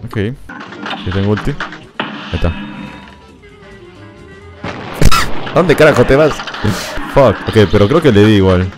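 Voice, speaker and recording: With a fairly low pitch, a moderate pace and many pauses, a streamer narrates his gameplay live, talking to himself and barking orders at his character. Things going wrong draw excited yelps and laughs, and loud game music plays under his streamed voice.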